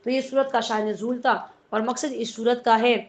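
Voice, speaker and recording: A woman's voice: a little high, steady tone. A woman teaching a religious lesson on a surah, telling its story and explaining terms as she goes. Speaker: Quran teacher. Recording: dull lo-fi recording.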